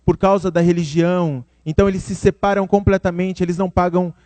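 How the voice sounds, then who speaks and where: A man's voice: high-pitched, fairly even intonation, brisk, dark tone, no room sound. A man with a Brazilian Portuguese accent preaching a sermon in a conversational way, speaking to his listeners by name. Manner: conversational, addresses listeners by name, acts out quoted voices.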